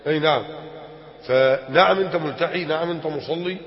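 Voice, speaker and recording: Egyptian sheikh in an echoey hall. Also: male voice, fairly high pitch, moderate pace, highs cut off. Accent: Egyptian Arabic. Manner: animated, rhetorical questions to the audience. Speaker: sheikh teaching a religious lesson. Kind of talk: colloquial religious lesson.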